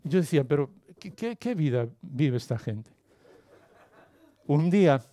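A man from Galicia with a fairly high voice tells a comic story in an animated way, jumping into the voices of the people he meets. The sound is dry and close. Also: dry recording. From Galicia, Spain. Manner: animated, storytelling, acts out dialogue. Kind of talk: comic monologue.

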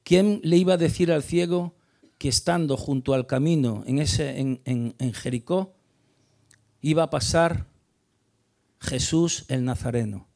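Unhurried and leaving long pauses, this preacher works through a Bible passage in a somewhat high, fry-roughened voice. His delivery swells to loud, stressed peaks and then falls quiet, and he frequently trips over words, repeating them to begin a phrase again.

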